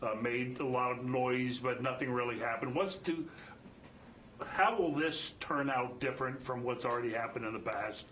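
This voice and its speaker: A man's voice: medium pitch, moderate pace, fairly bright tone. Male reporter asking direct questions, echoey room. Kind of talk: press briefing question. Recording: echoey room with faint noise.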